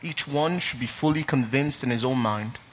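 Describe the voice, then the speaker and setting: At a church service, a young Irishman recounts his testimony in a relaxed, filler-heavy way, laughing as he goes, then reads a passage of scripture. His pitch is medium and his pace moderate.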